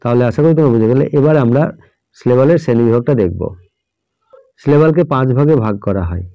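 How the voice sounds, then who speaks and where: A man's voice: mid-range voice, clean tone, dry recording, dull audio. Man teaching English grammar step by step. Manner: slow, sounds words out letter by letter; checks in often with "all right?". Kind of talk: explaining a grammar lesson.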